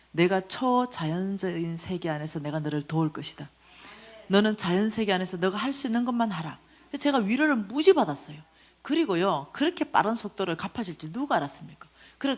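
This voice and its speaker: A middle-aged woman giving a lively church finance lecture, telling her own story and acting out the voices in it. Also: medium pitch. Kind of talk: testimony sermon lecture.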